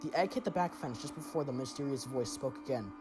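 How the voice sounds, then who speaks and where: A man's voice: medium pitch, animated, fast, music in the background. A man narrating a first-person horror story in a tense, dramatic way.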